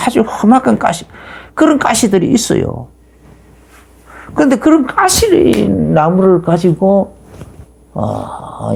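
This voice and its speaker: A woman's voice: on the low side, vocal fry, dark tone, slightly rough. A woman pastor preaching a sermon, telling the story emphatically and asking rhetorical questions.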